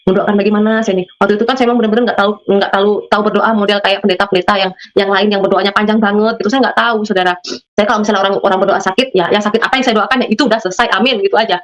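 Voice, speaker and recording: A testimony guest from Madura, Indonesia, tells listeners her religious story very fast, often addressing them directly and acting out the voices of the people in it. Her voice is mid-range and steady in tone.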